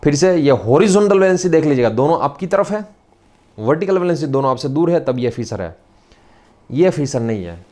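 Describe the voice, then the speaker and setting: A man's voice: on the high side, very animated, brisk, warm tone. A man with a Gujarati accent teaching a recorded chemistry lecture, repeating points over and over and teasing his students now and then. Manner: repetitive, drilling, teasing asides to students.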